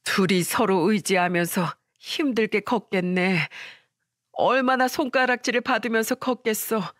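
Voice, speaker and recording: A woman's voice: mid-range voice, measured pace, dry recording, studio quality, lightly acted. A woman voicing a sympathetic older mother in a storytelling radio reading. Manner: soft, sympathetic. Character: warm older mother, tearful.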